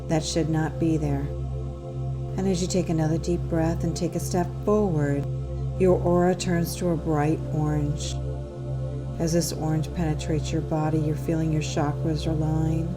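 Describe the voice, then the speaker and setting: A woman narrating a guided meditation in a calm, soothing, unhurried and measured way. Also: low voice. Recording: New-age music under the voice. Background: New-age music.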